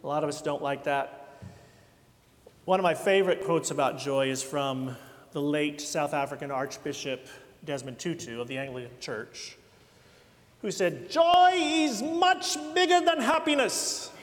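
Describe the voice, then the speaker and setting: A man's voice: mid-range voice, normal speed, pauses often. A man preaching a sermon as pastor, speaking in a conversational, anecdotal way to his congregation. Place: church sanctuary. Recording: long church hall reverb.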